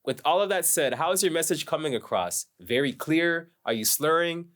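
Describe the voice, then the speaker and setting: A man's voice: a little high, expressive, normal speed, fairly bright tone. A man who is a hip-hop artist, teaching a performance masterclass in a laid-back, slangy way. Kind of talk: instructional masterclass talk.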